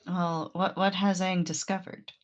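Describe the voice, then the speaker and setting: A woman's voice: on the low side, little pitch movement, unhurried, muffled recording. A woman playing a tabletop game, narrating her character in a loose, casual way with some swearing. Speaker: player.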